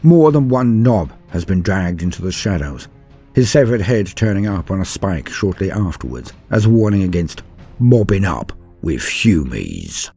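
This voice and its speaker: A lore channel host narrates dramatic scripted stories in a theatrical, florid and formal style. His deep, dark, husky voice swings widely in pitch and moves unhurriedly, with faint music behind him.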